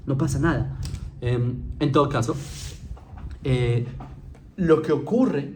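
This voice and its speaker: A man takes his time delivering a conversational lecture to viewers in a medium-pitched voice, a little hiss or hum audible. He keeps asking "¿sí?" to confirm understanding. His speech is full of fillers and restarts, plus bits of mocking mimicry.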